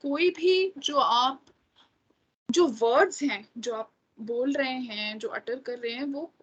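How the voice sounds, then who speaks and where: Brief: woman tutor, high husky voice, patient explainer. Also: highs cut off. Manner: explains slowly, checks with "right?". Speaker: English teacher. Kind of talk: exam-prep lecture in Hindi and English.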